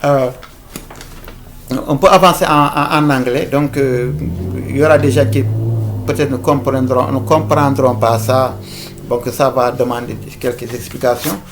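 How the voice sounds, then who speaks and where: A man's voice: medium pitch, steady tone, unhurried, slight background noise. A man teaching an informal video lesson, hesitant, with many fillers, restarts and repeated words. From Africa.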